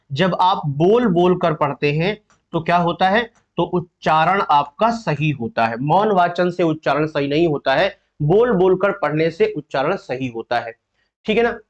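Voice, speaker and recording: High-pitched male tutor teaching an online exam-prep class, questioning students and explaining patiently. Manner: quizzing students and explaining step by step; addresses students fondly as "beta". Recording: dull lo-fi audio.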